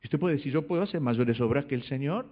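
A man preaching a sermon in church, swinging between loud exhortation and soft asides and asking the congregation rhetorical questions. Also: medium pitch, animated, fast talker. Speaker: pastor. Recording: dull lo-fi recording.

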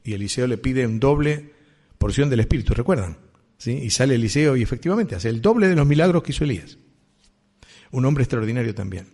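Husky Rioplatense male preacher, chatty sermon, checks in with the congregation. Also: medium pitch, animated, a little fast, dark tone. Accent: Rioplatense Spanish. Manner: conversational, asks the congregation questions.

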